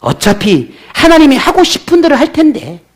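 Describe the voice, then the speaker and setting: A man's voice: very high voice, very animated, normal speed, pitched above the performer's own voice. A man voicing a resentful grown man who complains bitterly to God in indignant protest.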